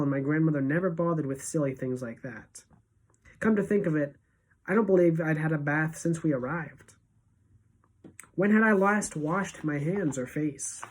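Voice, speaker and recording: Expressive woman reading a novel aloud. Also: low voice, poor audio. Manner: expressive storyteller, swings between hushed and emphatic. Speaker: teacher reading aloud to students.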